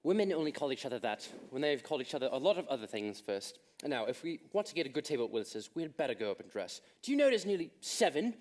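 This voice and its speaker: A young man acting a witty, idle gentleman in a school stage comedy, with a playful, teasing delivery. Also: medium pitch, sing-song, rapid-fire, hardly any pauses, lightly acted. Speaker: stage actor in a school play.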